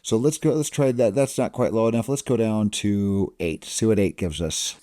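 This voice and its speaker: A man narrating a casual software tutorial as an editing instructor, recorded as a close voice-over. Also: lowish voice, moderate pace, dry recording.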